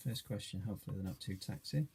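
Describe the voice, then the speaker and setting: A man's voice: low-pitched, fast, darkish tone, slight background noise. A man in his late forties from Yorkshire, introducing himself in a video as a charity trustee, hesitant and modest with many fillers. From Yorkshire, England. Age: 40s.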